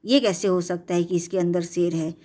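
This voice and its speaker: A boastful male lion king from a bedtime storybook, bossy and loud in his demands, as a woman storyteller puts him on. He calls out in a raised, higher voice. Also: fairly even intonation, normal speed, lightly acted.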